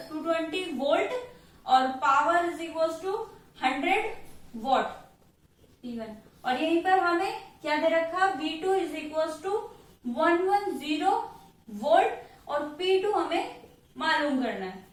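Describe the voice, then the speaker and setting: A high-voiced woman with an Indian accent works through a physics problem patiently, pausing after each step to check that her students follow. She sounds far from the microphone, and her voice echoes strongly around a bare room. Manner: patient, checks in with "theek hai" after each step, writes out formulas slowly. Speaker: physics teacher. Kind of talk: explaining a worked example in a lesson.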